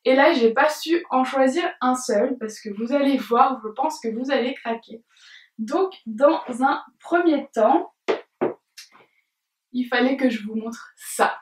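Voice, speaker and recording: A woman's voice: high-pitched, takes it slowly, slight background noise. A young woman chatting casually in a beauty tag video, hesitant with many fillers and giggles, filmed at home by a camera at some distance. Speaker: beauty vlogger. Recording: roomy sound from a distance.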